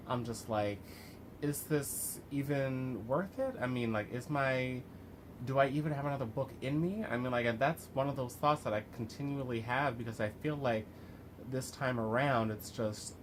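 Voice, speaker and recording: A man with a lisp from wearing a retainer, talking haltingly and thinking aloud in a casual video diary. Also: lowish voice, background noise. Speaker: vlogger and writer.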